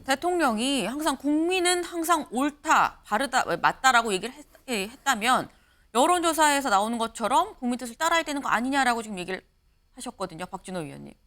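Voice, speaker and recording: A woman news anchor runs a studio political panel and reads poll figures in a brisk, clear way. Her voice is bright and high, and its pitch moves a lot. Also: lively intonation.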